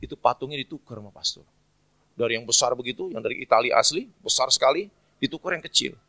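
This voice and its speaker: A male pastor telling a story in a chatty, animated sermon at a church service, often asking the congregation to agree. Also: mid-range voice, fast, no room sound.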